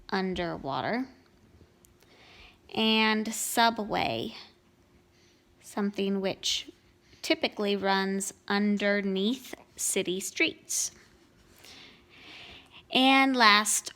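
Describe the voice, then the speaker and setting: Woman teacher going over grammar answers, slow and patient, kinda gravelly, higher voice. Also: bright, forceful tone. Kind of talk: grammar lesson walkthrough. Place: home.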